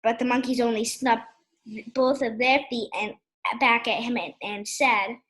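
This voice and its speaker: A woman reading a picture book aloud, stopping for gentle asides and questions to her listener. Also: fairly high pitch, fairly even intonation, measured pace, low-quality recording. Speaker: storyteller.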